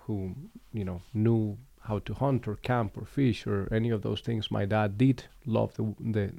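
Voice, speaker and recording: A man from Colombia hosting a relaxed conversation, speaking reflectively with frequent pauses and restarts. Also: fairly low pitch, gravelly, dry recording. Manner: reflective, unhurried, with fillers and restarts. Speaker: podcast host. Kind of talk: casual conversation.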